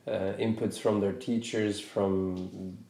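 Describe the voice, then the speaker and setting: A man in his thirties from Norway hosts a podcast, talking reflectively and casually, slowly circling back with many restarts as he thinks. His low, warm, mellow voice keeps a level tone with some vocal fry, and the room is clearly echoey.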